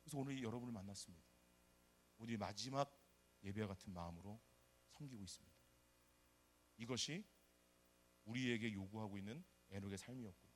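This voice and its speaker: A middle-aged man from South Korea, a pastor preaching a sermon and telling his own story, animated and acting out the people he quotes. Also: lowish voice, slight background noise. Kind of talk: sermon with personal testimony.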